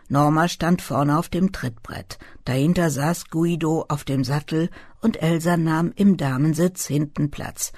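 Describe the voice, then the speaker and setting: Gravelly, husky audiobook narrator. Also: medium pitch, no echo, studio quality. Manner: calm, measured storytelling. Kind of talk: scripted literary narration.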